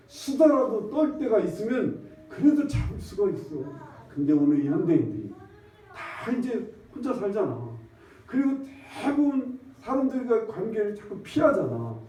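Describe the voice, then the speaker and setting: A man's voice: sits high, warm tone. A male pastor giving a conversational sermon in a church, repeatedly asking the congregation questions in a folksy, repetitive way. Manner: peppers talk with questions to the congregation; folksy, repetitive, drawn-out emphasis. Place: church sanctuary. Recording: echoey, distant, dull lo-fi church recording.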